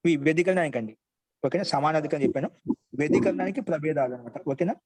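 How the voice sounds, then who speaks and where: A man teaching Sanskrit grammar in an online class, explaining in short phrases and repeating each example slowly. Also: fairly high pitch, a little mellow, no room sound, poor audio.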